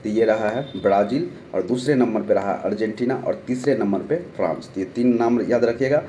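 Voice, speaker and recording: Fairly low-pitched and fairly quick, this young Bihari teacher's dark, mellow voice shows a sore throat. In his online current-affairs lesson he reads the questions, gives answers, and repeats names to remember, faint noise in the background.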